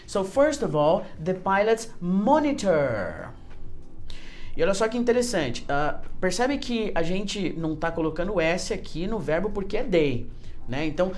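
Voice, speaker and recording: A woman with a Brazilian accent teaching an online lesson, explaining in Portuguese and then modeling slow, careful English sentences. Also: fairly low pitch, animated, darkish tone, slight background noise.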